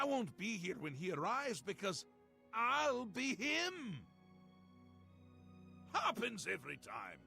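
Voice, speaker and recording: Mad theatrical game god, creaky bright voice, mercurial, gleeful then menacing. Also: male voice, heavily acted. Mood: gleeful ranting. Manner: flamboyant, swinging from gleeful cries to low menace. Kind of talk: fantasy game character acting.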